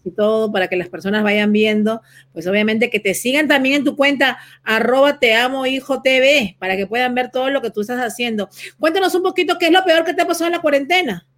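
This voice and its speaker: A woman's voice: on the high side, fast talker, few pauses, fairly bright tone. A woman hosting an interview, asking friendly questions and agreeing with brief replies. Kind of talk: casual interview chat.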